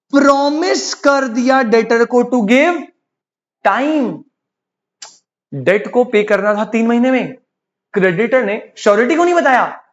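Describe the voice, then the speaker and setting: Speaking at an extremely high pitch, an Indian-accented man teaches commerce law in an easygoing Hindi-English lecture, and the sound quality is lo-fi. He addresses students as "beta" and poses rhetorical questions.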